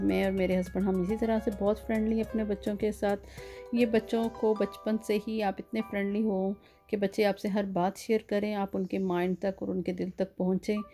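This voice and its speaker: A woman's voice: mid-range voice, mellow. A woman in her thirties, a mother and vlogger, talking playfully and coaxing her children with laughs. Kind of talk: casual family vlog.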